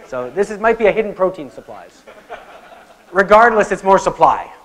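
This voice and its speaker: Animated, high-voiced male speaker. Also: normal speed, low-quality recording. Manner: animated, asks the audience questions, storytelling. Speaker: guest speaker on investing. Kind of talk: conference talk.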